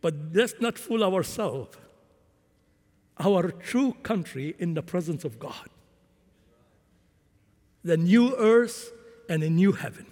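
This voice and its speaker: A man's voice: high-pitched, animated, slow, pauses often, darkish tone. A man who grew up in Syria, preaching a sermon with impassioned swings in volume. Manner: impassioned, rising and falling volume. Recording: long hall reverb.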